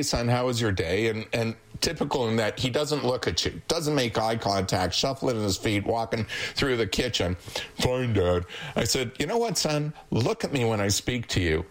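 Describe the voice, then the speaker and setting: Slow, lively-voiced man in his seventies. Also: medium pitch, rough recording. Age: 70s. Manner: slow, animated storyteller who laughs often. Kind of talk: casual storytelling chat.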